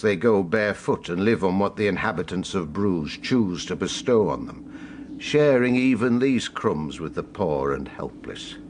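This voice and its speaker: Faint ambience and a little background noise surround an older male confessor in a radio drama. He speaks with compassion in a low, measured, solemn voice, using formal phrasing.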